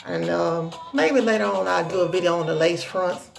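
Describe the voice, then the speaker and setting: A woman with a deep Southern US accent chatting casually to her viewers in a folksy, sassy, self-assured country way. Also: moderate pace, creaky. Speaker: hair tutorial vlogger.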